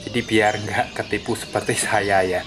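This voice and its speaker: A man's voice: lowish voice, steady tone, moderate pace. A man, chatting casually as a bird-keeping vlogger and explaining while he films outdoors with a phone. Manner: friendly, chatty, keeps saying "friends" with a dropping tail. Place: outdoors by bird cages on paving. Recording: phone audio with clear background noise.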